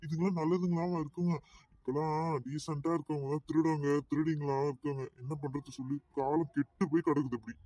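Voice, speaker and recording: A suspicious, grumbling middle-aged bus driver who scolds and lectures, as a man voices him for a cartoon. His voice sits a little high and is caught from slightly off mic. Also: fairly even intonation, fast, mellow, no room sound, distant mic, lightly acted. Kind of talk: cartoon voice acting.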